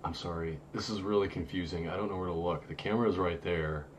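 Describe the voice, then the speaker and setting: Casual streamer, man in his 30s, deep voice, slow and rambling, home-studio mic with faint background noise. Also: steady tone. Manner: rambling, many fillers and restarts. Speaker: host of a paranormal live stream. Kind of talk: casual live-stream chat.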